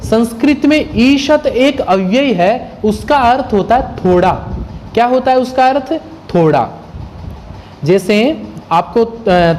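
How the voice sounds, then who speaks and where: A man's voice: sits high, a little mellow, slight background noise. A man teaching Sanskrit grammar in a classroom lecture. He asks his students questions, answers them himself, and sounds out letters one at a time.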